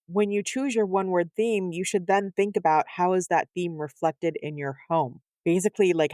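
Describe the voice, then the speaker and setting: A woman's voice: on the low side, a little mellow, dry recording, studio quality. A middle-aged woman talking conversationally as a co-host on a casual podcast.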